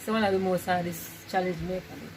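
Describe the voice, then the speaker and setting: A woman's voice: lowish voice, steady tone, fast, slight background noise. A woman with a Jamaican accent hosting a casual, playful vlog. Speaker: vlog host.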